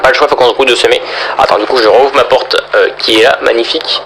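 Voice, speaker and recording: A man's voice: mid-range voice, fairly even intonation, fast talker, noisy background. A young man hosting a gaming video, chatting casually and rambling as he plays and talks to his viewers. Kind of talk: casual gameplay commentary.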